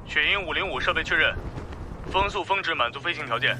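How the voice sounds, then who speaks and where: An actor playing an air traffic controller, heard as a radio voice over a pilot's cockpit headset, giving clipped, formal instructions. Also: male voice, fairly high pitch, animated, fast. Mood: calm, procedural. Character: brisk male control-tower dispatcher. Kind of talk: scripted TV drama acting. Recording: music score underneath.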